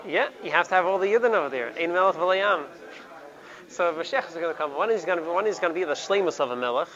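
Guy teaching torah, gravelly voice, keeps restarting words, lo-fi recording. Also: sits high, lively intonation. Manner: halting, repeats words, mixes Hebrew terms into English. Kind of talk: Talmudic study lesson. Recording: dull lo-fi recording with crowd behind. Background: crowd noise.

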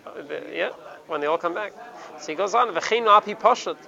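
Guy teaching torah, gravelly voice, keeps restarting words, lo-fi recording. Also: sits high, animated, bright, forceful tone. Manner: halting, repeats words, mixes Hebrew terms into English. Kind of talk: Talmudic study lesson. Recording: dull lo-fi recording with crowd behind. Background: crowd noise.

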